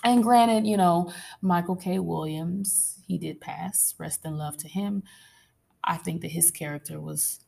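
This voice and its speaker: A woman with a sultry voice hosting a casual, candid solo podcast, conversational and expressive, drawing out words for emphasis. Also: lowish voice, a little slow, gravelly. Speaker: podcast host.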